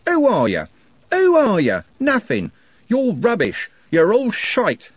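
Guy doing a screaming young street kid, high and husky, totally losing it. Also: huge pitch swings, slow pace, dry recording, exaggerated voice. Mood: furious. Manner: shouting, ranting in outrage. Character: furious young man, slick street lad.

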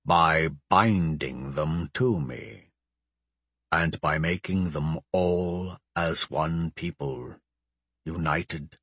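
A man voicing an ancient male lich, a cold and grandiose undead sorcerer who speaks in a slow, measured, commanding way. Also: low-pitched, fairly bright tone, husky, no room sound, pitched below the performer's own voice, heavily acted. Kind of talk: audiobook character voice.

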